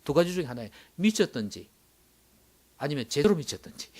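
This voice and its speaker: A male pastor delivers a sermon with a fairly high, very animated voice. He rises to loud, urgent exclamations and then drops suddenly into hushed whispers for effect. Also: brisk.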